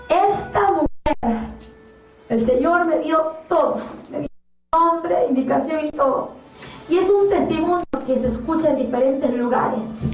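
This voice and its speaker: A young woman preaches her testimony in a very high, slow, fervent voice. She sounds close to tears, caught from a distance in an echoey room with faint music underneath. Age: young adult. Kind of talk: impassioned testimony sermon.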